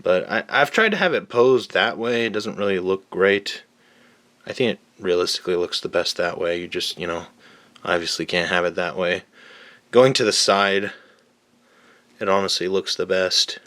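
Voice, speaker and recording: A man casually reviewing an action figure, chatty and relaxed, with lots of fillers and a little out of breath. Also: low voice, normal speed. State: slightly out of breath. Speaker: toy reviewer. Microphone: camera mic on tripod.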